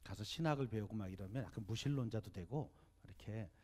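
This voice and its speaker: A man in his fifties, a pastor, giving a church seminar sermon, telling animated stories and asking the audience questions. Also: lowish voice, quick pace, slightly rough.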